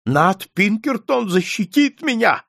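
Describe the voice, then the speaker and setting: Guy reading a frightened old man, paranoid, high pleading voice, very animated, dry sound. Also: unhurried, gravelly, no echo, exaggerated voice. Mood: fearful. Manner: shrill, pleading, frantic. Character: paranoid frail old man, terrified and suspicious. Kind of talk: audiobook character reading.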